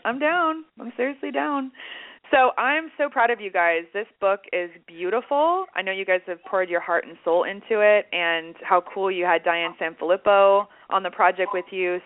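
A woman's voice: fairly low pitch, no room sound. A woman hosting a radio show, chatting in an informal, effusive way. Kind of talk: casual chatty interviewing. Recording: dry, tinny phone-like radio sound.

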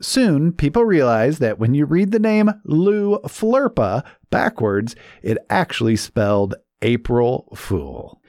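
A man's voice: medium pitch, very animated, slow, hardly any pauses, darkish tone, no room sound, clean studio sound. A man hosting a casual talk about money as a financial planner, joking along with playful asides.

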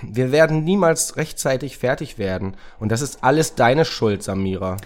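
A man voicing a fretful Christmas helper who complains loudly and quickly despairs. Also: mid-range voice, expressive, voice pushed up, lightly acted. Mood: blaming.

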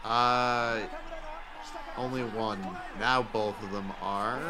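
A man commentates wrestling in a fairly low voice, at a slow pace. He names moves and follows the action as a wrestling commentator would. A crowd is heard behind him. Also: fairly even intonation. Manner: explains moves and calls pin counts. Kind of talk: wrestling commentary on a match being watched.

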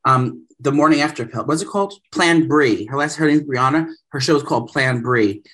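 A man's voice: mid-range voice, a bit bright. A man co-hosting a podcast in casual chat, rambling and chatty, heard over echoey remote call audio from a small office conference room. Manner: rambling, chatty, quick talk with restarts. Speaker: podcast co-host.

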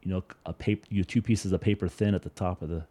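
A man with a very deep, mellow voice, a guest in a relaxed interview. He talks through engine parts patiently and technically, step by step. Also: fast talker. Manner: technical, explains step by step, mimics customers. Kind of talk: casual interview chat.

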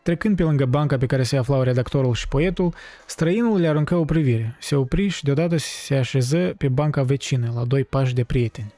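A man narrating a novel aloud in a measured, expressive reading. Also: mid-range voice, dry recording, faint music behind.

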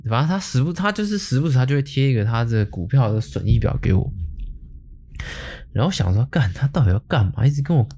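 A man's voice: medium pitch, lively intonation, fast talker, darkish tone, breathy edge. A man with a Taiwanese Mandarin accent, hosting a podcast and telling a story in a laid-back, slangy way with mild swearing. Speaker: podcast host. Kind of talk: casual storytelling.

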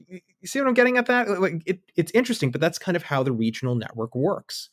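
A man's voice: high-pitched, very animated, fast talker, no echo, clean studio sound. A man as a guest analyst in a conversational podcast interview, thinking aloud with wry asides. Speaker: guest analyst on militia groups.

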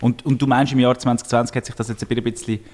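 A man's voice: medium pitch, little pitch movement, quick pace, darkish tone. A man with a Swiss German accent, hosting a casual chat, reflective and hesitant as he searches for words. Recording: reverberant room.

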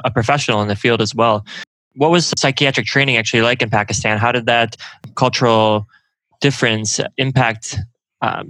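A man hosting a podcast and interviewing a guest, with a measured, scripted introduction. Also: fairly low pitch, sharp tone, no room sound, rough recording.

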